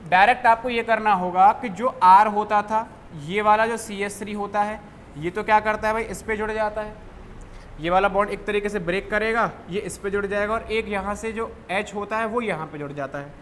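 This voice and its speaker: A young man teaching a chemistry class who keeps asking questions and answering them himself, dropping low on each answer. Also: steady tone, moderate pace, fairly bright tone. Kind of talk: classroom lecture. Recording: faint background noise.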